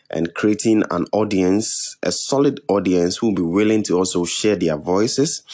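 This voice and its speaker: A young man with a West African accent, hosting a podcast alone in a measured, earnest way. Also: sits low, darkish tone. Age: young adult. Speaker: podcast host. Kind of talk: introductory solo podcast talk.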